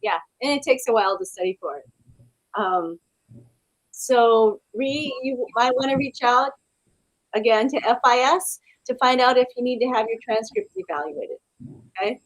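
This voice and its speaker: A woman's voice: fairly high pitch, moderate pace, dry recording, poor audio. A woman hosting a live webinar Q&A over a video call, chatting with many fillers and reading out viewer questions. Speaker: webinar host.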